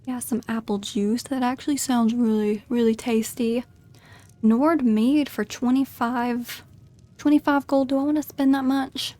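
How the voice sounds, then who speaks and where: A woman's voice: on the high side, fairly even intonation, unhurried, mellow. A woman giving chatty, giggly commentary as she role-plays through a video game. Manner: giggly, chatty, narrates her character's feelings. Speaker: gamer narrating her playthrough.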